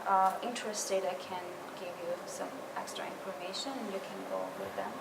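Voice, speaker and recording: A woman with a medium-pitched voice, very animated and fairly quick, leads a writing tutor training workshop. She explains patiently, often restarting her phrases, picked up by a roomy distant mic with room noise.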